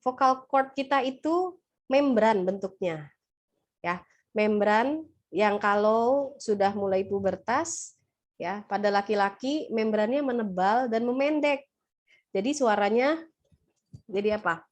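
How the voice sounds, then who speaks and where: Brisk woman lecturing an online class. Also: medium pitch. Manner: questioning students, brisk and playful. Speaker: nursing lecturer. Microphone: laptop or webcam mic on a video call.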